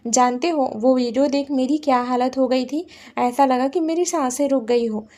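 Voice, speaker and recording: A woman's voice: sits high, normal speed, dark tone, close to an everyday voice. A woman voicing an emotional young woman in a romance story, pleading not to lose the man she loves. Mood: tearful.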